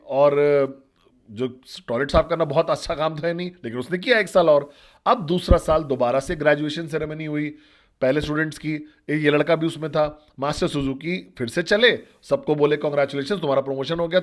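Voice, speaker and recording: Male motivational trainer, slightly higher voice, direct, talks straight to his listeners. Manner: direct, asks listeners questions. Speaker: network marketing trainer. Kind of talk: motivational storytelling talk.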